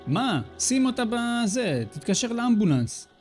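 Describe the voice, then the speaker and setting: A man's voice: very high-pitched, very animated, a little mellow. A man hosting a let's play, giving casual, sarcastic commentary that mocks the game character. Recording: faint game music in the background.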